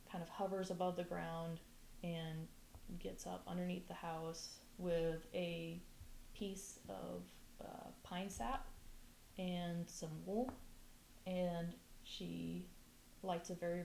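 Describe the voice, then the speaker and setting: A woman narrating as game master of a tabletop game, relaxed, with frequent ums. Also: lowish voice, slow pace, gravelly, roomy sound, slight background noise, poor audio.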